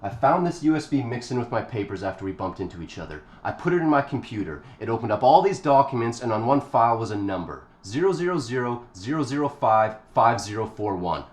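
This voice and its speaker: Casting: actor as confused, insistent man, urgent and earnest, mid-pitched, film dialogue in an echoey room. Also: big pitch swings, quick pace, hardly any pauses, close to an everyday voice. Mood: urgent explaining. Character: confused, insistent young man demanding answers. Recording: echoey room with faint background noise.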